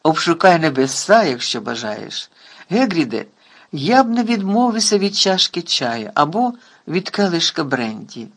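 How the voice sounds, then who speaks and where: A man with a husky voice voicing a calm, wry old wizard headmaster in a storybook reading. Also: a little high, a little slow, heavily acted. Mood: amused. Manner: calm, amused.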